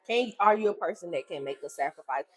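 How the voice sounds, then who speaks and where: A woman's voice: on the low side, expressive, fast, husky, low-quality recording. A middle-aged woman, a restaurant owner co-hosting a casual chat, talking bluntly and teasing.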